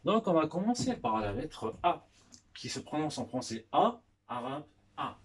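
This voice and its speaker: Slow, patient man teaching letters. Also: a little high, very animated. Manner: patient, repeats each sound carefully. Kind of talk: slow spoken language lesson.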